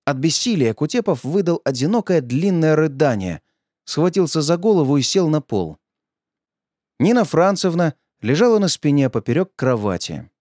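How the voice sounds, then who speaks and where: A man narrating an audiobook in an expressive storytelling manner. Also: on the high side, no room sound, clean studio sound.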